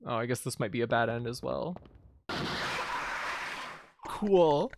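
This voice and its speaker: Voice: mid-range voice, expressive, slow pace, gravelly, noisy background. A video game streamer giving casual, wry, joking commentary on a playthrough.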